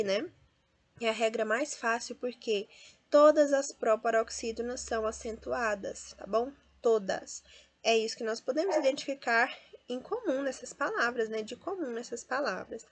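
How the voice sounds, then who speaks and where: A woman teacher with a Brazilian Portuguese accent who explains step by step and draws out each example word. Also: fairly high pitch. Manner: explains step by step, often adds tag questions; stresses and drawls out example words. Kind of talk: classroom lesson.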